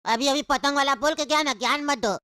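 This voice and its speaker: A woman's voice: high voice, a little fast, fairly bright tone, slight background noise. A woman voicing a stubborn little boy who pleads and whines in a cartoon comedy. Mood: cheeky. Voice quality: whiny, pleading.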